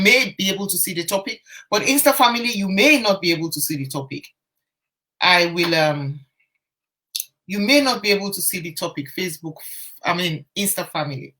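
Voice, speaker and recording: Speaking in a low, sharp-toned voice, a confidence coach shares a story during a casual live stream captured on a phone or webcam. She's chatty with her viewers, greeting them by name and restarting phrases often.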